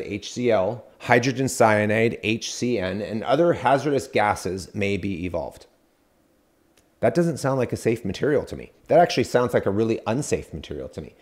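A man in his forties, a home builder hosting a show, explaining step by step to camera in an earnest, critical way, recorded on a studio mic indoors. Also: fairly low pitch. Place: dim studio room, indoors. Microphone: studio mic on boom in front.

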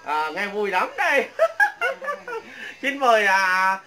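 A woman's voice: mid-range voice, animated, measured pace, pushed and bright. An older woman hosting a casual livestream vlog, chatting and greeting viewers by name. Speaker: vlog host.

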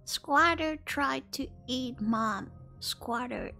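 A woman's voice: high-pitched, drawn-out words, gravelly, bright, forceful tone, soft background music, voice pushed up, exaggerated voice. A woman voicing a naive, earnest young male opossum who speaks in broken, simple grammar in a game. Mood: earnest, indignant.

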